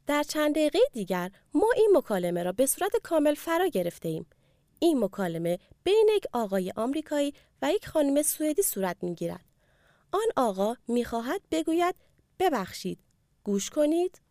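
A woman narrating a language course and clearly prompting the listener to repeat after the speaker. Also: high voice, big pitch swings, mellow, no room sound, clean studio sound. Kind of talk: scripted lesson narration.

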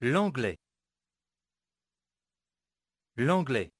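Man modeling words slowly, lively pitch. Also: slightly rough, dry recording, studio quality. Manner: careful, slow, syllable by syllable. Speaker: native speaker model in a language course. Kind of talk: slow pronunciation drills.

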